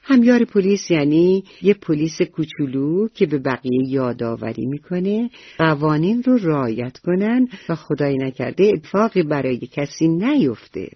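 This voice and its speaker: A woman storyteller gently narrating a bedtime story for children on the radio, speaking directly to the kids. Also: deep voice, sing-song, slightly rough, dry recording, highs cut off. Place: radio studio.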